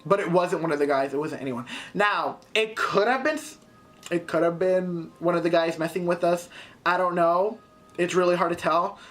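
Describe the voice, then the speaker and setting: A teenage girl excitedly retelling a scary night out in a casual storytime, with many fillers and sudden jumps in pitch. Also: slight background noise. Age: teens. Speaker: vlogger.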